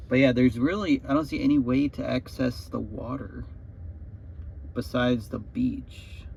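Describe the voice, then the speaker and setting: A man's voice: mid-range voice, steady tone, unhurried, creaky. A man chatting casually and offhand as he narrates his road trip vlog, musing as he goes. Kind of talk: casual rambling vlog chat. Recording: muffled sound with loud background noise.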